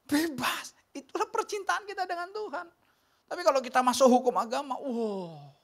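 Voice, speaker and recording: Animated preacher. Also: male voice, very high-pitched, normal speed, vocal fry. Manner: animated preaching, swinging from loud calls to soft near-whispers. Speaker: pastor. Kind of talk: sermon. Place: church sanctuary.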